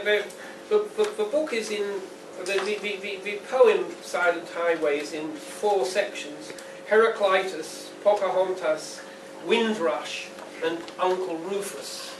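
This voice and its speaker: Reading from his book at a pub launch, this man speaks in a high voice with a measured, dryly wry manner, after introducing things informally. The microphone sits far off in an echoey, noisy live room indoors.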